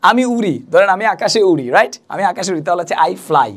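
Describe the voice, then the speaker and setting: A woman's voice: on the low side, lively intonation, fast. A young woman teaching an English lesson, patiently repeating and spelling out each word. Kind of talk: spoken language lesson.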